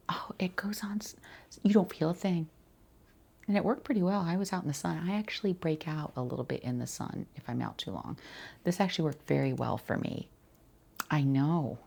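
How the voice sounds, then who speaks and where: Speaking on the low side, a woman quietly takes on the role of a skincare consultant for ASMR. Her breathy, soft delivery drifts into whispers now and then as she rambles casually and comforts her client.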